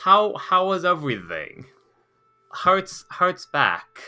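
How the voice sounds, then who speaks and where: Guy streaming, super bright punchy voice, excitable n self-deprecating, casual chat, bit of music behind. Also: high-pitched, slow pace, smooth. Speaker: streamer hosting a tabletop character creation session.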